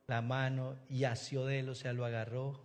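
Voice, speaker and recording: A man preaching a sermon in an animated way, acting out the voices he quotes and putting questions to his congregation. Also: medium pitch, normal speed, in a large hall.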